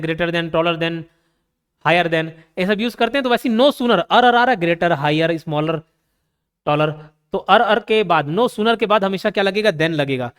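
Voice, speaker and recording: High-voiced man teaching grammar. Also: a bit bright, clear, resonant tone, big-room sound. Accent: Chhattisgarh Hindi. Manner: explains step by step, asks and answers his own questions. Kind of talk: grammar lesson.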